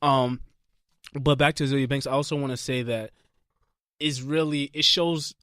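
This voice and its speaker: A man's voice: mid-range voice, fairly even intonation, moderate pace, sharp tone, clear, resonant tone, no room sound, studio quality. A man co-hosting a podcast in casual chat, easygoing and rambling, often restarting his sentences. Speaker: podcast co-host. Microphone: studio mic with headphones.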